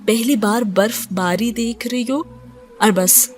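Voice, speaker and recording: A woman voicing a playful, teasing young male student in a romance audiobook, speaking gently and without hurry. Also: a little high, faint music behind, natural voice.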